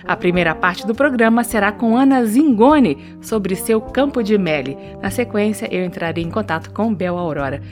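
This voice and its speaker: A woman's voice: mid-range voice, lively intonation, moderate pace, few pauses, darkish tone, soft background music. A woman hosting a radio arts program, reading polished scripted introductions and putting questions to a guest. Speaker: radio show host. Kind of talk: radio interview.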